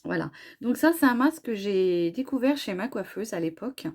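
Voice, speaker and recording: A middle-aged woman with a hoarse voice from a cold, chatting casually about her hair products with many fillers and restarts. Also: mid-range voice, animated, normal speed, a little mellow. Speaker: beauty vlogger.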